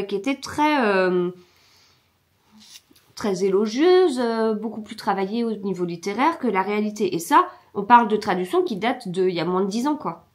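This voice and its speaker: A woman chatting casually in a reading vlog, hesitant, with many fillers and restarts, sometimes trailing off into soft muttering. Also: medium pitch. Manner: mutters softly while searching her book. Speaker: book vlogger. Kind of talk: casual chat.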